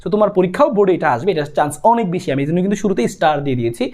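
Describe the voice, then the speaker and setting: A man's voice: sits high, expressive, rapid-fire, a little mellow. A young man with a Bangladeshi Bengali accent, coaching students through an exam-prep lesson in an urgent, repetitive, coaxing way. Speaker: tutor.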